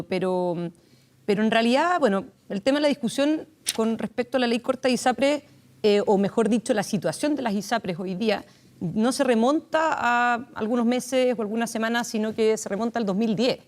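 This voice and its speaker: A woman's voice: fairly high pitch, a little mellow. Chilean woman lawyer on a TV panel. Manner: measured, with restarts and hedges. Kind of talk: studio panel discussion. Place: TV studio.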